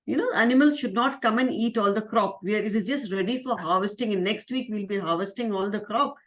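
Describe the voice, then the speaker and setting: A woman's voice: medium pitch, a little fast, fairly bright tone, natural voice. A woman voicing an old village grandfather giving careful instructions in a children's story. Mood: cautioning. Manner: instructing, warning.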